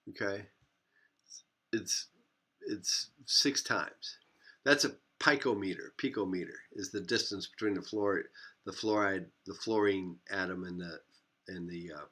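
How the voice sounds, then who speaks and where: A physics instructor with a medium-pitched, pushed, bright voice lectures in class. He talks in a rambling way, revises what he just said, and circles back to the same phrases.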